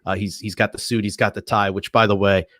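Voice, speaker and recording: A man's voice: lowish voice, level tone, quick pace, fairly bright tone, dry recording, studio quality. A man who is a military veteran co-hosting a podcast, talking casually and acting out quoted remarks with animation.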